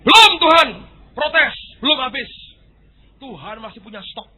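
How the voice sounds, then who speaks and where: A man voicing a clever, greedy human who protests loudly to get more years. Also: very high-pitched, very animated, a little fast, pitched above the performer's own voice, heavily acted. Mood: protesting. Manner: loud, protesting. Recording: tinny phone-like sound.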